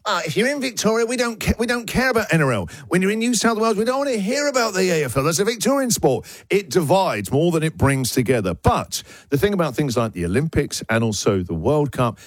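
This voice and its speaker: A man hosting a radio breakfast show in a studio, talking with energy and enthusiasm, his voice jumping up when he gets excited. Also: high-pitched, fast talker, hardly any pauses, no echo. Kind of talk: lively radio banter. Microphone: studio broadcast mic.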